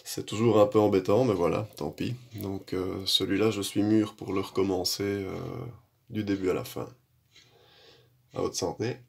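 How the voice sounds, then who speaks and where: A man giving relaxed, rambling commentary while demonstrating a shave, with many fillers and self-mocking asides. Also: low voice, moderate pace, creaky, slightly rough. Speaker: shaving vlogger. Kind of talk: casual how-to commentary.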